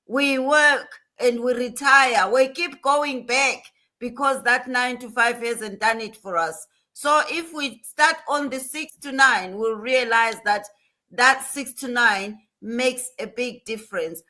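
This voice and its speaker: A woman's voice: fairly high pitch, slow pace, bright, forceful tone. A woman hosting a motivational livestream, talking in an earnest, emphatic way and repeating her points. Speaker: livestream host.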